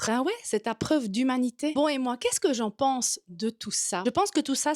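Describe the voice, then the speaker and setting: A woman with a Swiss French accent vlogs straight to the viewer in a high, bright-toned voice. She is a yoga teacher and content coach, and she talks in a direct, lively and informal way. The sound is dry and close, with almost no room echo. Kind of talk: talking-to-camera vlog.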